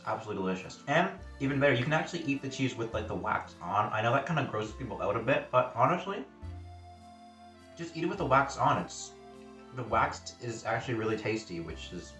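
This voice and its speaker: A man's voice: mid-range voice, a bit bright, far from the mic. Chatty man vlogging in an echoey room. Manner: chatty and self-deprecating, eating on camera. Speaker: food vlogger. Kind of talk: casual food vlog talk.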